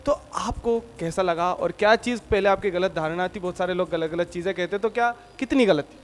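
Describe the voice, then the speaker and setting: A man reporting from a blood donation camp, addressing viewers and briskly questioning donors. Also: sits high, big-room sound, a little hiss or hum. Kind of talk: fast on-location interview.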